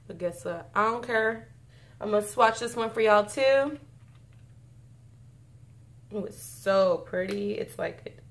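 A woman's voice: medium pitch, fairly bright tone. A woman chatting casually in a beauty haul video, gushing and often saying y'all. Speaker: beauty vlogger.

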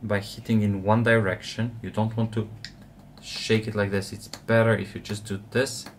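Low-voiced man explaining fly tying. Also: moderate pace, slight background noise. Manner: relaxed, explanatory, frequent uh fillers. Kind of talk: step-by-step tutorial narration.

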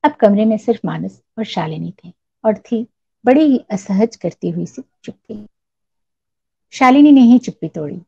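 A woman storyteller reading a scripted story in a calm, measured way. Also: mid-range voice, gravelly, husky. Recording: dull lo-fi recording.

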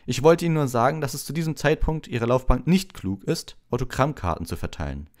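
A man putting on a vain, self-satisfied wizard teacher in a storybook reading, booming and condescending. The voice is lifted high above the reader's own and rolls with lively inflection. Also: fast, lightly acted. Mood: patronizing. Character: pompous, patronizing vain adult wizard teacher. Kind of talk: audiobook reading.

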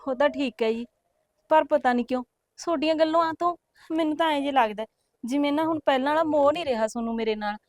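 A woman's voice: high-pitched, quick pace, no echo, studio quality, close to an everyday voice. A young woman with a Punjabi accent playing a newly married wife who coaxes and complains to her husband. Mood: hurt. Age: young adult. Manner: soft, coaxing, complaining. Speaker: actor in a short film. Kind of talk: village short-film acting.

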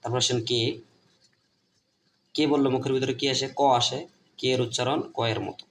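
A man's voice: medium pitch, little pitch movement, moderate pace, a bit bright, a little hiss or hum. Bangladeshi man teaching at a board. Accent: Bangladeshi Bengali. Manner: repeats points, asks and answers his own questions.

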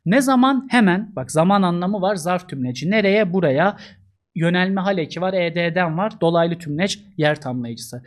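A man's voice: high voice, lively intonation, moderate pace. A young man teaching a grammar lesson in a chummy, big-brotherly way, acting out example sentences with animation. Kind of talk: casual exam-prep lesson.

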